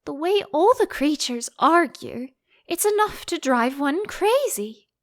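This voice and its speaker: A woman's voice: high voice, big pitch swings, a little slow, pitched above the performer's own voice. A woman voicing a curious, timid young storybook girl who is earnest, plaintive and easily exasperated.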